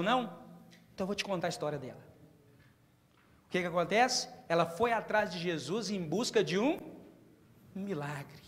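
A Brazilian man preaching a sermon as pastor in a church, emphatic and building to loud passages. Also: high-pitched. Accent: Brazilian Portuguese. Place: church hall. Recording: long hall reverb.

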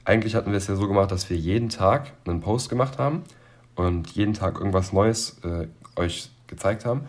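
A young man co-hosting a casual podcast, relaxed and orderly, with hesitant fillers. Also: low voice. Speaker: podcast co-host. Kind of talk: casual chat.

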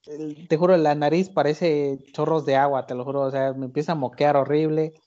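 Mexican man, podcast host, relaxed chatty delivery, slightly raised pitch. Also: a little fast. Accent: Mexican Spanish. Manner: chatty, hesitant fillers, laughs often. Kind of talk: casual chat. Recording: lo-fi recording.

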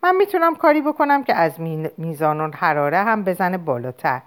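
A woman voicing a lively, playful young girl in an audiobook, with a higher, coaxing childish tone. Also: clean tone. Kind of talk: audiobook character voice.

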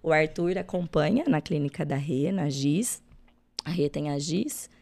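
A woman with a Brazilian accent and a hoarse, cracking voice hosts a talk show in a casual, chatty way, often checking in with little tag questions. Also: sits low, a little slow, darkish tone. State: hoarse, cracking voice from being unwell. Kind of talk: casual, chatty presenting to an online audience.

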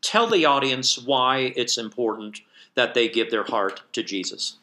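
A man hosting a faith interview, gently prompting his guest with leading questions. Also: medium pitch, a little slow. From United States. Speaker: host.

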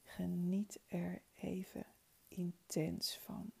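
A woman leading a guided meditation in a soft, soothing, spa-like whisper, gentle and breathy. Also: on the low side, completely flat delivery, very slow.

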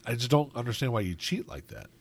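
A man's voice: mid-range voice, very animated, fast talker, breathy edge. A man hosting a casual chat, rambling with lots of filler words.

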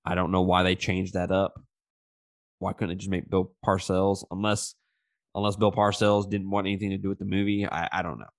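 A man with a lowish voice that sounds stuffed up, as if pinching his nose and talking through his mouth. He hosts a casual movie review podcast with loose slang and swearing. The recording is close and dry. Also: level tone, a little fast, dry recording. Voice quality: congested nasal, pinched-nose sound from blocked sinuses. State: stuffed up with a sinus infection. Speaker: podcast host.

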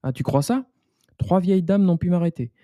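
A man's voice: high-pitched, a little fast, dark tone, no room sound, clean studio sound, pitched above the performer's own voice, lightly acted. A man voicing a cheeky, boastful runaway pancake in a bedtime story, in a taunting singsong.

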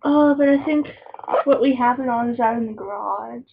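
A woman's voice: a little high, normal speed, creaky, background noise. A young woman rambling and teasing a friend in casual chat at home, on a dull lo-fi recording. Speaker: vlogger.

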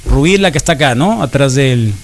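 A man's voice: medium pitch, animated, brisk, slight background noise. A middle-aged man hosting a casual morning talk show, joking and teasing his co-hosts. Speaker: host. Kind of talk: casual chat.

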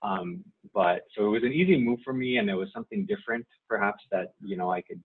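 Speaking haltingly, this man keeps restarting and filling pauses with ums as he answers questions in a casual interview, where he's the guest. He works for a nonprofit and comes from Saipan, Northern Mariana Islands, with Chamorro as his first language. His voice is deep, low and husky, heard over a thin line that resembles a phone.

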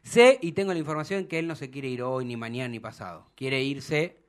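A man's voice: medium pitch, expressive, fairly quick, clean tone. A man with an Argentine Spanish accent hosting a football talk show, arguing his points emphatically and acting out quotes. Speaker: radio sports show host.

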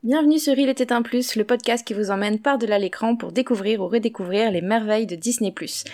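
A woman's voice: a little high, brisk, a little mellow. A woman hosting a podcast, talking casually and chattily with frequent fillers. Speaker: podcast host.

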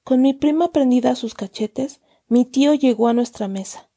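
A woman reading a children's story aloud in calm storybook narration, acting out the dialogue. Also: sits high, normal speed.

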